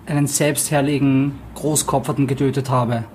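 A man with a medium-pitched, slightly mellow voice speaks in a level tone at a moderate pace, with a little hiss or hum in the recording. He casually introduces a book to an audience and takes turns reading a passage aloud. When speaking freely he hesitates often and uses many fillers.

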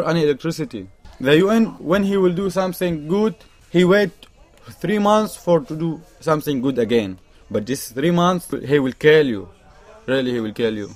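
Young Syrian man, impassioned broken English. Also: on the high side. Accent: Syrian Arabic. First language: Arabic. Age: young adult. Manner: earnest, emphatic, repeats points, non-native grammar. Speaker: refugee interviewee.

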